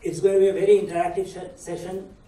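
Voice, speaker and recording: Man, moderator, mellow higher voice, roomy hall, set back from the mic. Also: flat delivery. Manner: brisk, courteous introduction. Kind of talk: introducing a guest at a masterclass. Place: large festival hall. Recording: echoey hall, mic at a distance.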